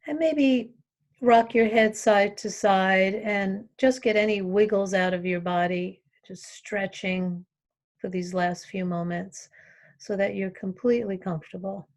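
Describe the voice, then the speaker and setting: A yoga teacher leads a guided relaxation meditation, speaking very slowly at a medium pitch. She gives calm instructions in short phrases and leaves long pauses after each.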